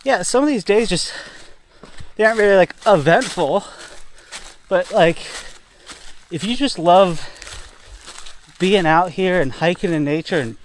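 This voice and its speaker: A man's voice: high voice, measured pace, pauses often, slight background noise. A young man vlogging casually outdoors on a trail, laid-back and rambling, saying "like" and "dude" a lot. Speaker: thru-hiker vlogger. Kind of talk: casual vlog monologue while hiking.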